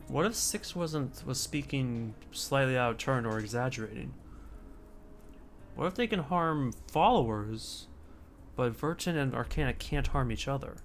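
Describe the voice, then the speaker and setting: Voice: medium pitch, a little hiss or hum. A streamer giving casual commentary on a story game, chatting, reading the text aloud and throwing in puzzled asides.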